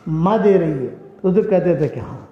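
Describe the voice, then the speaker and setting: A man's voice: on the high side, expressive. A man from India delivering a sermon as a preacher, telling stories with emphatic, repeated phrases. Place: large hall at a women's religious school. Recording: echoey lo-fi hall recording.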